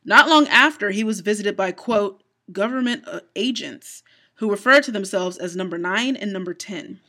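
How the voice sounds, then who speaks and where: Bright-voiced woman reading out spooky stories. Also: medium pitch, normal speed. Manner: narrates from notes with little stumbles and laughs. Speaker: co-host. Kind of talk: casual podcast chat, reading out paranormal stories.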